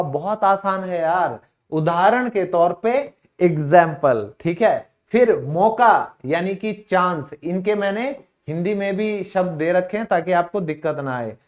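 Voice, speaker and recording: An Indian man teaching an English lesson, asking questions and answering them himself in a casual, direct way. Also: high voice. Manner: casual and direct, calls listeners brother. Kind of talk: classroom-style lesson.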